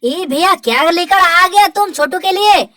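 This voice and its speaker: A woman's voice: very high voice, expressive, moderate pace, a bit bright, no room sound, clean studio sound, pitched above the performer's own voice. A woman voicing a stubborn, possessive boy who complains, in toy play-acting for kids.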